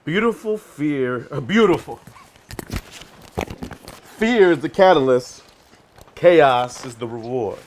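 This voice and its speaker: A man's voice: on the high side, animated, slow pace, pauses often, darkish tone, slight background noise, voice pushed down. A man voicing a menacing villain who savours fear, gloating and theatrical in a live read-through. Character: menacing male villain leading fanatics, relishes fear.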